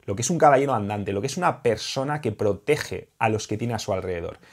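A man's voice: fairly low pitch, expressive, fast talker. Man, Spain Spanish accent, young adult, dating coach, vlog monologue, emphatic, heated, repetitive.

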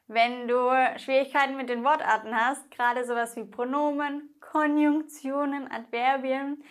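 A young woman teaching a language lesson online, speaking slowly and clearly straight to the viewer. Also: a little high. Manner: slow, clear, addresses viewer directly. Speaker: Spanish teacher.

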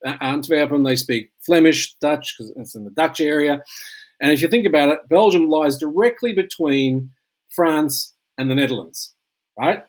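Australian man, middle-aged, tired, rambling anecdotes, slightly high voice, casual chat. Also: normal speed, low-quality recording. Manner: rambling storyteller, laughs at his own jokes.

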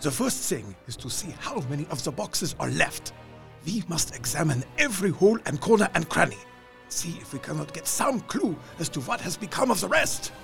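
In an audio drama, a male actor plays a grave, commanding older professor who leads vampire hunters, speaking solemnly in deliberate, formal phrases. His exaggerated voice is husky and gravelly, yet fairly high, very animated and a bit bright. Faint music plays behind him.

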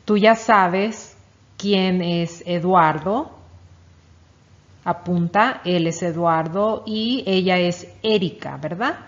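A woman leads a children's reading lesson at an unhurried pace. She is patient and encouraging, asking questions and praising each answer. The recording has a slightly dull, lo-fi quality. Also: fairly low pitch. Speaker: teacher.

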